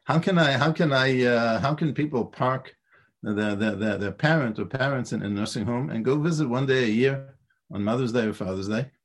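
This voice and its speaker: A man's voice: mid-range voice, moderate pace. Stammering man teaching Torah. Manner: stammering restarts, rhetorical questions. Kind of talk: lecture on Pirkei Avot.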